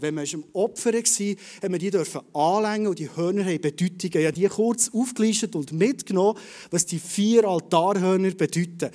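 A high-voiced man with a Swiss German accent, giving a casual, conversational sermon to his church. He swings between loud bursts and quiet, hushed asides. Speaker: preacher. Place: church service.

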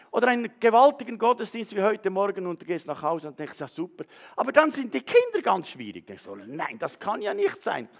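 A man preaching a sermon, retelling a story with animation and speaking straight to the congregation. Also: fairly high pitch. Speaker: pastor.

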